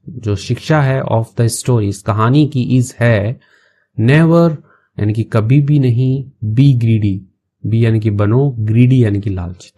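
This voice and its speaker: Gravelly-voiced man teaching English. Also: medium pitch, mellow. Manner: slow, patient word-by-word explanations. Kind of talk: explaining an English story in Hindi.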